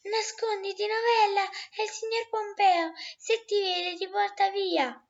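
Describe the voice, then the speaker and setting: A woman voicing a brisk, bossy but caring female ant in a storybook, shrill and urgent. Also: dull audio.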